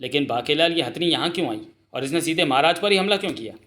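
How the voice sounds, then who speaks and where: A man's voice: a little high, lively intonation, fast, a bit bright. A man doing a stern suspicious commander. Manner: accusing, gruff. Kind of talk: Hindi comic dub.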